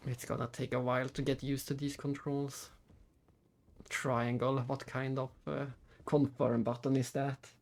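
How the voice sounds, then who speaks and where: A man's voice: mid-range voice, flat delivery, measured pace. A man live-streaming a game, chatting casually and muttering his thoughts aloud to himself. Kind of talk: casual live-stream chat while playing.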